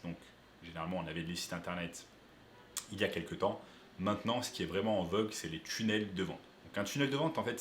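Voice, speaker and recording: A man's voice: on the low side, a bit bright, echoey room, slight background noise. A man who coaches online business, explaining step by step to viewers during a screen-share tutorial.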